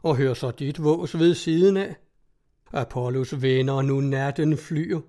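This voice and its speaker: A proud townsman who lectures scornfully and indignantly, as a man reads him aloud. The voice sits a little high and stays mellow, fitting a storybook character. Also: close to an everyday voice. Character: proud, scornful male citizen.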